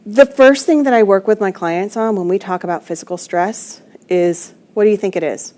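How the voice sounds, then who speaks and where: A woman's voice: mid-range voice, normal speed, warm tone. A woman coach leads an online talk, speaking earnestly and leaning on key points as she teaches. She has a mid-range voice and talks into a computer microphone, as on a video call. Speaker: wellness coach. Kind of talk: online presentation.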